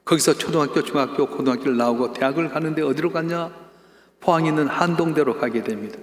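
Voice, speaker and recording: A male pastor giving a Sunday sermon, telling a story at length and then building into loud, emphatic calls to the congregation. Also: a little high, quick pace. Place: church sanctuary. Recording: echoey church hall with long reverb.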